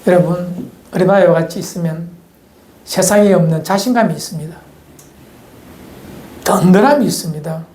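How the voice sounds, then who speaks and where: This male pastor's voice sits high yet has a dark tone, with a Gyeongsang Korean accent, as he preaches a folksy sermon and quizzes the congregation. The recording takes place in an echoey church sanctuary.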